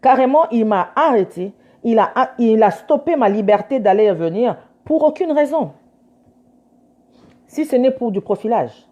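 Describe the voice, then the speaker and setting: A woman's voice: fairly high pitch, animated, normal speed, dark tone. A woman lawyer emphatically retelling a run-in, indignant and insistent as she acts out both sides. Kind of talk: casual storytelling. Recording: dull lo-fi recording.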